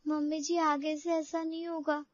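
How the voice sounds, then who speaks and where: A woman's voice: high voice, level tone, moderate pace, no room sound, dull audio, close to an everyday voice. A woman voicing a timid young bride in a cartoon story, speaking hesitantly and respectfully. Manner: hesitant, respectful, addresses her elder as "mummy ji". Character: young new bride, timid and eager to please. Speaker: cartoon character.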